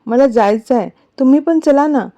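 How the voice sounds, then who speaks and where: A woman's voice: high voice, moderate pace, mellow, close to an everyday voice. A woman voicing a playful young wife who coaxes and sulks in a narrated story. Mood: coaxing. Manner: coaxing, pouty. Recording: dull lo-fi recording.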